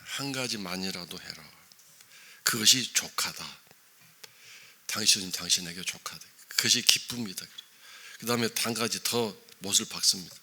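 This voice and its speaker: Pastor, male, sermon; low, forceful, tense delivery, rhetorical questions. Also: normal speed, slightly rough. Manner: emphatic, rhetorical questions to the congregation. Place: church, early morning service.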